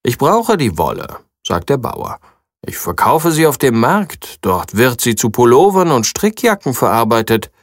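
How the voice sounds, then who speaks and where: A storyteller voicing a calm, friendly male farmer in a children's audiobook, quiet and easygoing. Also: mid-range voice, a little slow, no echo, studio quality. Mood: firm. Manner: soft, easygoing.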